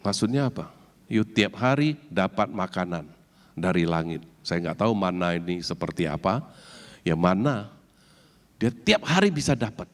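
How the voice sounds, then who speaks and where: A man preaching a sermon as a church elder, animated and talking straight to the congregation with English words mixed in. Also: medium pitch. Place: church hall. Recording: long church-hall reverb.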